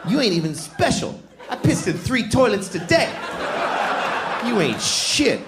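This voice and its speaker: Comedian doing a trashy guy mouthing off to his toilet, slow and swoopy, crowd laughing loud. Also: high voice, big pitch swings, noisy background, voice pushed up. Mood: taunting. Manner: taunting, vulgar, swaggering. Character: crude man trash-talking his toilet. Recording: echoey room with loud laughing audience.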